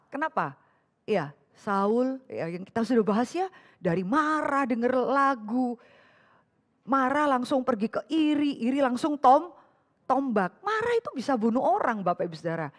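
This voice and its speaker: A woman gives an interactive sermon to a women's fellowship, her voice a little high. She keeps asking her listeners questions and acts out the lines she quotes. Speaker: vicar preaching to a women's fellowship.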